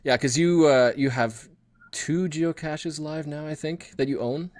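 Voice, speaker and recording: A man's voice: fairly high pitch, steady tone, measured pace, a crowd in the background. Jovial Canadian man hosting a livestream. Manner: jovial, chuckles often. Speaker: livestream host. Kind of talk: casual livestream chat.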